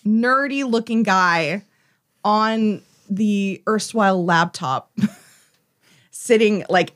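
Woman game master, narrates scenes with frequent laughs. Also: medium pitch. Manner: laughs often while narrating.

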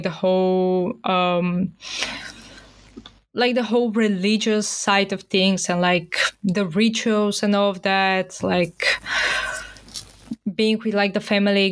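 A young woman from Bulgaria hosting her own podcast, talking casually with lots of fillers. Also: mid-range voice. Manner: chatty, many fillers like "like" and "um". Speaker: podcast host. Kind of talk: casual solo podcast talk.

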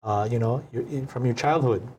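A man in his sixties from Hawaii, a chef guest telling stories in an unhurried, reflective way in a studio interview. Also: medium pitch, a little mellow, a little hiss or hum. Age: 60s. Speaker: chef and restaurant owner guest. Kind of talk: casual interview storytelling.

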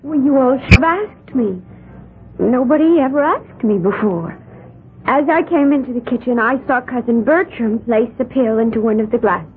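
In a thin, phone-like old recording from a 1970s radio drama, an actress plays a serene, odd young woman with a strange secret. Her voice is on the high side and breathy, at a moderate pace, and she speaks calmly in a placid, matter-of-fact, faintly dreamy way.

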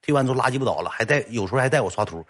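A young man tells a comic story at a rapid clip. His husky voice swings widely up and down as he acts out every quoted line. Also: mid-range voice. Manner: lively, animated, acts out quoted lines.

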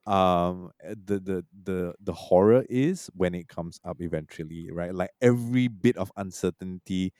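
Deep, mellow-voiced man rambling casually. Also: unhurried, few pauses, dry recording, studio quality. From Malaysia and Singapore. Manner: rambling, many fillers and restarts. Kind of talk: casual film discussion.

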